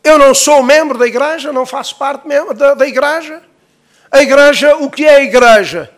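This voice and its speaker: A man with a European Portuguese accent, a pastor teaching a Bible-school class in an emphatic preaching cadence that sometimes rises toward shouting. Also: very high-pitched, normal speed. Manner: emphatic, rising to near-shouts, calls for "amen".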